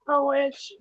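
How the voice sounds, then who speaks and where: A woman's voice: high-pitched, fairly bright tone. A woman off to the side of a livestream, chiming in with playful, teasing remarks. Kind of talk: casual interjections. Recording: dull, distant from the mic.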